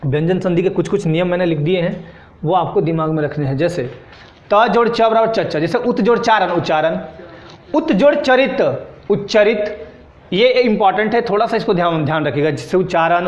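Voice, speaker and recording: A man teaching a classroom lesson, drilling students with repeated questions and answering them himself. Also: high-pitched. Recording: echoey room, dull sound.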